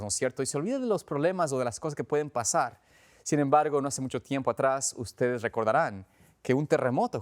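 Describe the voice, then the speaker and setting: Speaking earnestly in a conversational sermon, a pastor from Quito, Ecuador, explains things and often rephrases as he goes, in an Ecuadorian accent. He has a medium-pitched voice that is clear and resonant.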